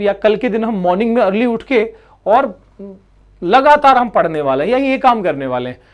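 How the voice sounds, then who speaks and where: A man who teaches, giving a motivational talk to students in a conversational way. He often adds tag questions and acts out the students' worries. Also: very high-pitched.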